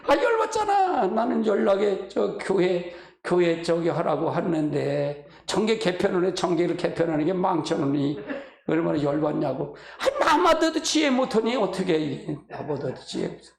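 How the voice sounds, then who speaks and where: A man's voice: high voice, sing-song, moderate pace, gravelly, darkish tone. A man preaching a sermon as pastor, talking in a colloquial, emotional way with sighing exclamations, in a church sanctuary. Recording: echoey church hall.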